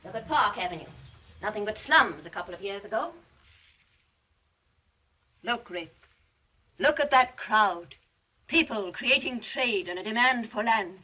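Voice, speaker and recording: An actress playing a domineering, coldly scheming wealthy older sister in a 1930s film melodrama, with an imperious, clipped, insinuating manner. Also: female voice, mid-range voice, expressive, unhurried, pauses often, sharp tone, rough recording. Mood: haughty, insistent.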